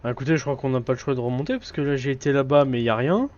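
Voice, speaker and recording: A man giving live commentary on a horror game as a streamer, excitable and jokily scolding the game's characters. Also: medium pitch, very fast. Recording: dull lo-fi stream audio.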